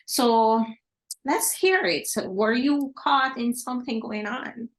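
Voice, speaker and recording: A woman's voice: on the high side, slow, rough recording. A woman hosting a casual interview, from Jamaica, chatting and asking follow-up questions. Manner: conversational, brief backchannels and follow-up questions. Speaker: host.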